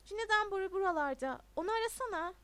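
A woman reading a storybook, voicing a careless young woman who answers offhandedly and loudly. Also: extremely high pitch, normal speed, no echo, pitched above the performer's own voice. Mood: offhand. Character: careless young party girl, breezy.

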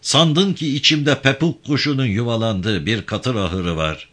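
A man's voice: medium pitch, unhurried, fairly bright tone, voice pushed up. A man reading a story voices a wounded, hardy man who soothes his wife in florid, tender words. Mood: tender soothing.

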